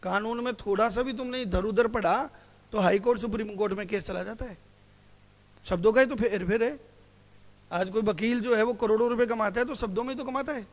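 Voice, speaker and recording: A man's voice: high-pitched, fairly quick. A male teacher giving a classroom lecture who keeps asking his students questions, answers them himself, and calls them "beta". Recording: hall reverb.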